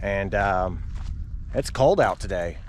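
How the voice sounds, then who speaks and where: A man's voice: low voice, lively intonation, slow pace, a little hiss or hum. A man talking casually to his viewers while out running outdoors, recorded on an action camera he carries. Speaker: running vlogger. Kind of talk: casual vlog talk to viewers. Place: outdoors on a country road.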